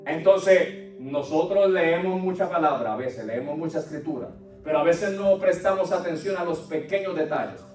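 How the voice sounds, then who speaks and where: A male preacher gives a sermon in a candid, storytelling way. His voice is high for a man and comes from some distance away in a reverberant church. Soft music runs beneath. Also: normal speed, few pauses. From Puerto Rico and Colombia.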